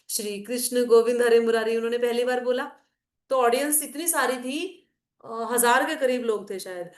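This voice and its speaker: A woman's voice: medium pitch, darkish tone. Woman teaching in an echoey room. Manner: conversational, explaining with anecdotes and asides. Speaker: teacher of a devotional class. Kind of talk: casual Hindi class talk mixing English.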